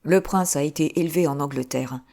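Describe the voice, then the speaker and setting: A woman's voice: sits low, a little fast, creaky, warm tone. A woman reading an audiobook, voicing a cold, curt and suspicious foreign baron.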